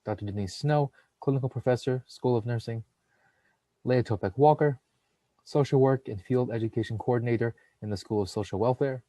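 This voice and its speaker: Reading his prepared webinar presentation at a fairly quick pace, this young nursing student has a medium-pitched voice and a steady delivery, recorded on a computer mic with no room sound. He reads out long lists of names and titles.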